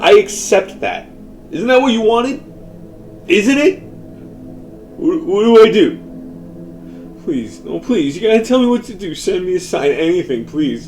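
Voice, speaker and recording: A man voicing a panicked, desperate man pleading aloud, his voice hoarse and shaky. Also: high voice, slight background noise, voice pushed up. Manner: frantic, begging, rising to shouts.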